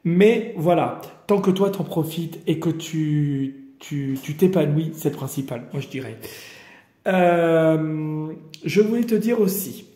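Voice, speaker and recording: A man from the Paris region, France, hosts daily guidance videos and does a casual, improvised card reading, rambling familiarly and addressing his viewer directly. His voice is a little high and dark in tone, with lively intonation and a slow pace, recorded in a roomy, echoey room.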